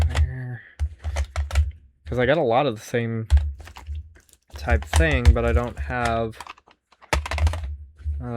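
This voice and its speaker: A medium-pitched man hosts a casual, unscripted show-and-tell of his music cassette collection, rambling and musing aloud as he goes. Background noise can be heard.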